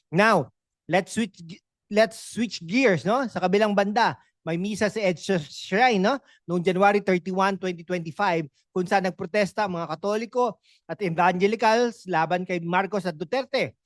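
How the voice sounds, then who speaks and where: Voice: medium pitch, no echo, clean studio sound. A host with a Filipino accent giving political commentary on a vlog, sarcastic and full of rhetorical questions and tag questions. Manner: conversational, with frequent tag questions.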